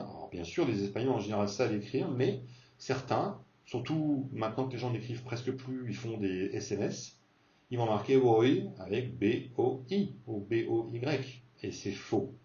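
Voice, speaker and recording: A man teaching a beginner Spanish lesson, repeating words slowly to model pronunciation. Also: mid-range voice, warm tone, reverberant, recorded from a distance, muffled recording.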